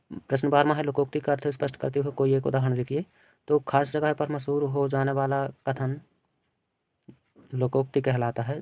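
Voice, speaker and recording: A male teacher working through an exam paper, reading each question aloud and then giving its answer in a plain, steady way. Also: mid-range voice, dry recording. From India.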